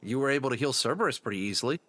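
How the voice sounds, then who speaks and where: A man voicing an earnest, gentle fox detective in a hat in an audio drama. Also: mid-range voice, lively intonation, rapid-fire. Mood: playful. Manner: gentle, reassuring. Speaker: voice actor.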